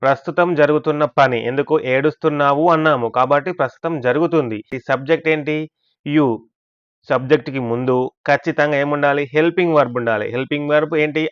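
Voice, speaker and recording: A man's voice: fairly high pitch, fairly even intonation, quick pace, clean tone, dry recording, highs cut off. A man teaching English grammar in a scripted lesson, explaining step by step and asking and answering his own questions. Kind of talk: scripted language lesson narration.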